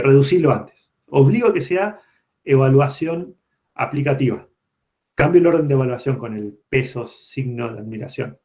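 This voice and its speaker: Over a video call, a man delivers an online university programming lecture, walking through the material step by step and frequently checking that students are keeping up. His voice is medium in pitch, darkish in tone, with some vocal fry. It's picked up by a computer mic, and the audio is dull and lo-fi.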